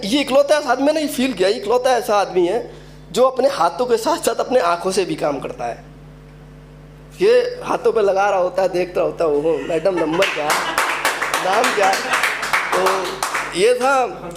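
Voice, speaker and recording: A young man doing a stand-up comedy set, telling stories with a UP Hindi accent and acting out characters in quick asides. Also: high voice, a little hiss or hum. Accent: Uttar Pradesh Hindi. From Uttar Pradesh, India.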